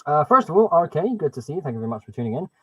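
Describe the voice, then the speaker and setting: This streamer's voice is a little high, pushed and bright, slightly rough, very animated and very fast as he chats casually and thinks aloud while tweaking settings. Captured by a webcam mic, the dry, dull recording sounds muffled and hollow, like talking through a pipe.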